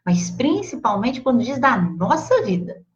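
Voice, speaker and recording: A woman's voice: on the high side, measured pace, slight background noise. Chatty Brazilian woman teaching live. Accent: Brazilian Portuguese. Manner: expressive, chatty, addresses audience as "gente". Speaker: psychologist teaching a live class. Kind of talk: casual live lecture. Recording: slightly dull lo-fi livestream audio.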